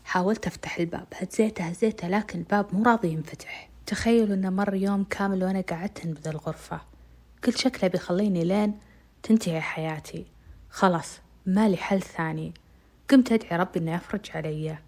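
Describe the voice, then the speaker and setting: A woman's voice: on the low side, quick pace, darkish tone. A woman narrating a dramatic first-person story in an intimate way, slipping into whispers. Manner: intimate, dips into whispers at tense moments.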